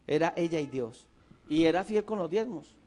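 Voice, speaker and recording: A man with a Colombian Paisa accent preaching a sermon, an animated storyteller who swings between emphatic and hushed delivery. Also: a little high, moderate pace. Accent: Colombian Paisa, Antioquia. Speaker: pastor.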